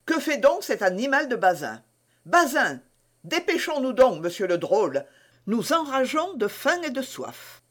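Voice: mid-range voice, a little slow. A reader voicing a vain, witty former musketeer turned abbé of about forty, who teases his friend and scolds his servant. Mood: scolding. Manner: teasing, imperious, lively. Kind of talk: audiobook character reading.

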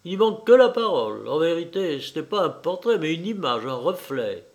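A man's voice: a little high, big pitch swings, a little fast, pitched above the performer's own voice. A man reading as a grave, sorrowful tall stranger. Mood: admiring. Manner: earnest, sighing, grave. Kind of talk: audiobook character voice.

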